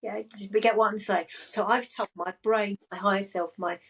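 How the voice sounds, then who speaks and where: A woman speaking as a podcast guest, a spiritual business coach, in a slow, calm and grounded way. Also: medium pitch, slightly rough, rough recording. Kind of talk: casual podcast chat.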